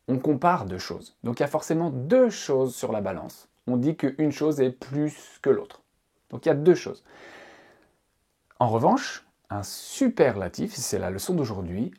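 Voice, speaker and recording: A man with a husky, slightly breathy voice explains grammar in a casual online tutorial. He talks with lively emphasis and stretches out key examples so they land. His pitch sits in an ordinary middle range. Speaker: English teacher.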